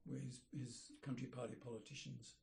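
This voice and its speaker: An older man, an architect, reminiscing in an interview, rambling and pausing to search for names. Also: medium pitch, flat delivery, vocal fry, a little mellow. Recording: roomy echoey room.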